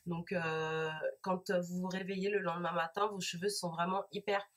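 A woman vlogger talking casually about hair products she bought, pausing often with fillers and restarts. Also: on the low side, level tone, fairly bright tone. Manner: hesitant, many fillers and restarts. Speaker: beauty vlogger. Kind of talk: casual product haul review.

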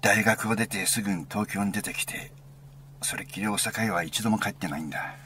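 A man reading a first-person story aloud as an intimate, conversational monologue, sometimes dropping into a hushed near-whisper. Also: lowish voice, brisk, a little hiss or hum. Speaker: narrator.

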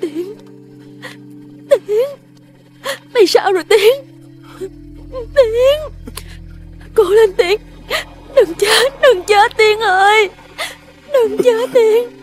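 A woman's voice: very high voice, expressive, moderate pace, a little mellow, faint music behind. An actress playing a terrified young woman held captive, pleading and crying. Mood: sobbing.

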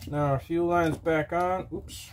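A man's voice: on the high side, fairly even intonation, slow, a little hiss or hum. A middle-aged man casually talking through a repair step by step at his workshop bench, in a plain and practical way with frequent "okay"s. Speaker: small-engine repair host. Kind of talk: casual how-to narration while working. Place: home workshop bench, open to the outdoors.

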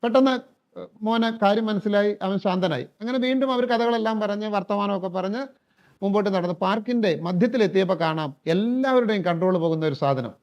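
A man's voice: sits high, fast, darkish tone. A middle-aged man telling a story and giving advice as a counselor. He speaks earnestly and addresses his listeners directly. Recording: dull lo-fi recording.

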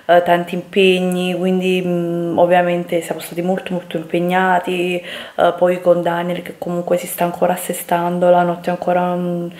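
Chatty young woman vlogger, low voice. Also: completely flat delivery, moderate pace, a little mellow. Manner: chatty, many fillers and restarts. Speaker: beauty influencer. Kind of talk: casual vlog chat. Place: bedroom at home. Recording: echoey room.

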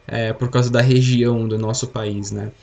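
A man's voice: medium pitch, level tone, normal speed, creaky, darkish tone, muffled recording. Brazilian man teaching English vocabulary. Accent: Brazilian Portuguese. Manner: explains patiently, drills words and asks the class to repeat. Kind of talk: live-streamed English lesson.

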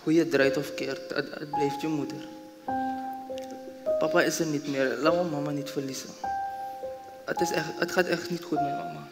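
An anxious younger brother who stumbles over his pleas, his voice a touch high. The sound carries in a reverberant theatre hall beneath loud music. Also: steady tone, normal speed, gravelly, long pauses. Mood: worried. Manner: hesitant, stammering pleas. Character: worried younger brother begging sibling home. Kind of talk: live stage drama.

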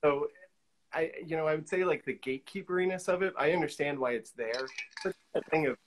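Joining a video call from a room indoors, a male guest artist in his forties talks informally in an interview, musing aloud and hedging with "like" and "you know." His voice is a little high and brisk. The audio is poor, with slight background noise.

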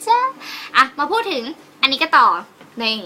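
Bright high-voiced chatty young woman. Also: very animated, a little hiss or hum. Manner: chatty, fast, giggly, playful. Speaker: online seller vlogger. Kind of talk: casual phone-case selling vlog. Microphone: phone camera.

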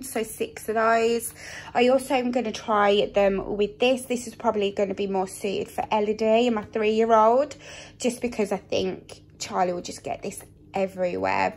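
A young woman and mother chatting casually through her grocery haul in a home kitchen, filling pauses with "um" and joking about her own laziness. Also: on the high side, a little hiss or hum. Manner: chatty, self-deprecating, many "um" fillers. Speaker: vlogger, mother.

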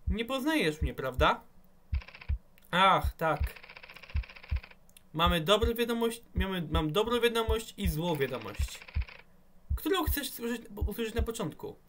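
Man reading a mocking menacing caller from a horror game, slow and a touch high. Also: lively intonation, fairly bright tone, a little hiss or hum. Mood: taunting. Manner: mocking, sneering, playing with his victim. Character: taunting menacing male phone caller. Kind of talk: reading game dialogue aloud.

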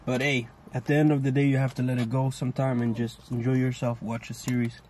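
Man, mid-pitched voice, rambling thoughtful chat, vlog co-host, faint background noise. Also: level tone, fast, a little mellow. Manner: thoughtful, rambling, many fillers. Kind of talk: casual chat while eating.

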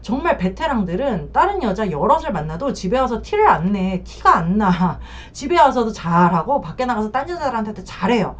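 A woman's voice: fairly quick, few pauses. A woman counselor giving blunt marriage advice, acting out what spouses say. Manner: blunt and animated, acts out quoted spouses. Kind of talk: advice talk to camera. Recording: slightly dull recording with faint rumble.

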